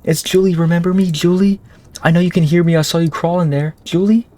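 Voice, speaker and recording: A man's voice: high voice, steady tone, brisk, dark tone, pitched above the performer's own voice, natural voice. A man voicing an eager young woman at the door, reading game dialogue aloud in a pleading, insistent way.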